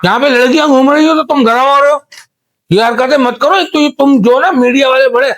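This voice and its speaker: An actor playing a deaf man in a comedy interview, who mishears every question and rambles loudly and indignantly. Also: very high-pitched, fairly quick. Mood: scolding. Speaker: guest character in comedy interview. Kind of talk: comedy sketch acting.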